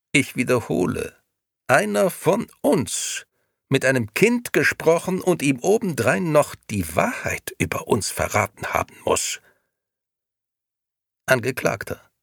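Male reader doing stern cold judge of the grey men, storybook, sharp questions swinging up and down. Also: medium pitch, vocal fry, husky, no echo, studio quality, full character voice.

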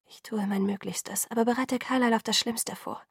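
A woman's voice: a little high, brisk, darkish tone, breathy edge, no echo, studio quality, voice pushed up. A woman voicing an anxious young woman who speaks urgently and often drops to a whisper. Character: anxious young woman pleading in hushed tones.

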